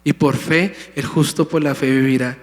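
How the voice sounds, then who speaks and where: A man's voice: mid-range voice, fairly even intonation, normal speed. A pastor preaching a sermon, emphatic, calling out to his congregation in a church sanctuary. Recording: long hall reverb.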